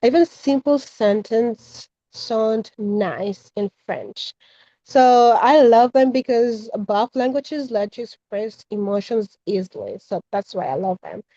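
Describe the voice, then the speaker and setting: A woman's voice: on the high side, takes it slowly, warm tone, no echo. Earnest young woman over muffled call. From Haiti, raised in the Dominican Republic. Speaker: student participant. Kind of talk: prepared answer in a debate. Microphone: video call.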